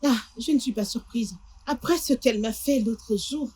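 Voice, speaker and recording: A woman's voice: a little high, moderate pace, mellow, slight background noise, close to an everyday voice. An actress dubbing a sympathetic woman friend who reacts with shock and gossip in a film drama.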